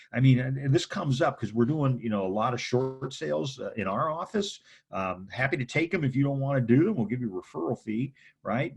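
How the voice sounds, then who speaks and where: Husky-voiced man teaching in a chatty way. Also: medium pitch. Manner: chatty, frequent "okay?" and "right?" check-ins. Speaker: real estate contracts instructor. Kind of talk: informal training lecture.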